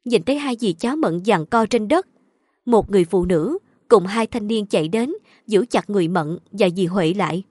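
A woman narrating a dramatic story in a steady storytelling voice. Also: mid-range voice, normal speed, husky, no room sound, clean studio sound.

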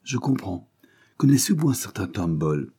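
Brief: male reader as a cool detective questioning a prisoner, low husky voice, measured and probing. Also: sing-song, mellow. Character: calm shrewd Japanese male detective.

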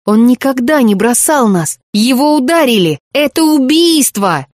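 A woman voicing an angry, defiant teenage daughter who shouts accusations, in an audiobook. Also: high-pitched, animated, a little slow, no echo, clean studio sound. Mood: furious. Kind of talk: audiobook character reading.

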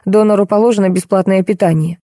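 A woman's voice: mid-range voice, steady tone, quick pace, warm tone, dry recording, clean studio sound, lightly acted. Woman reading a scornful blunt hospital nurse. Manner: blunt, contemptuous ranting. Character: gruff scornful middle-aged hospital nurse.

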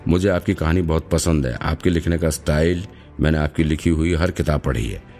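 Nervous young killer fan, quiet and meek, very low voice, a man reading it. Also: moderate pace, soft background music.

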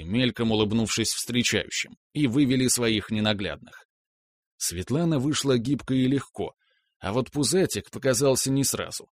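A man calmly narrating a first-person story as an audiobook reader. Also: mid-range voice, no room sound. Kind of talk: scripted narration.

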